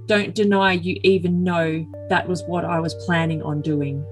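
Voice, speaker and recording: Set against music, a woman with a lowish, natural, darkish voice reads an overly dramatic comic message at normal speed and with fairly even intonation. She voices an earnest, besotted young man who sounds solemn and stilted, and the mood is besotted and suggestive.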